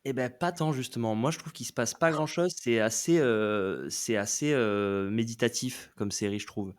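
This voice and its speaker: A man, a podcast guest, explaining a series in a casual, hesitant way with many pauses. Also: medium pitch. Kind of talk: casual chat.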